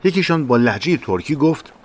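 A man narrating a war memoir in a measured, dramatic reading. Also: fairly high pitch, lively intonation.

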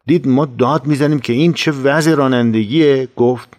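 Male narrator, mid-pitched voice, grave steady storytelling, first-person war memoir, dramatic emphasis.

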